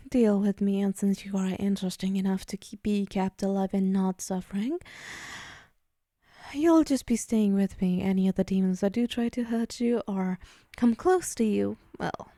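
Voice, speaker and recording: In an ASMR roleplay, a woman voices a possessive, teasing female demon who is menacing yet indulgent, speaking in a hush straight to the listener. Her voice is mid-range and lightly acted. The recording is clean studio sound with no room sound.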